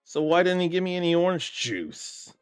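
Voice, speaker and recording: Casual gamer guy narrating his playthrough, relaxed, game music faint behind. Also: high voice, normal speed, clean tone. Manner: laid-back, muttering asides. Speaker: gaming streamer. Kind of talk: casual let's-play commentary.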